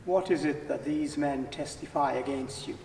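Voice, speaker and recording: A man playing a stern, accusing high priest in a declamatory scripture reading. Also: normal speed, vocal fry, a little mellow. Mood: interrogating. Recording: echoey church, distant mic, faint noise.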